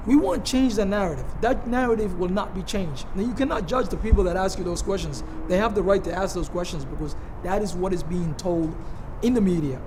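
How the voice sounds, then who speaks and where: A man from Somalia giving an earnest, halting congratulatory speech to graduates, often repeating words as he goes. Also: high voice. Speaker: speaker addressing graduates. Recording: noisy, with background ambience.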